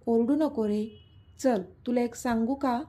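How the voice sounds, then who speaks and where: A woman's voice: on the high side, a little slow, warm tone. Woman reading as a sneering cruel male villain. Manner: taunting, sneering. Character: cruel mocking middle-aged male villain.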